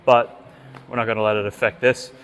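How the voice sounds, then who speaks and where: A man's voice: on the low side, flat delivery, fairly quick, a bit bright. Breathless man vlogging mid-workout. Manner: chatty, swears freely, breathy between sets. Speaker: fitness vlogger. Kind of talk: casual gym vlog narration. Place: indoor gym.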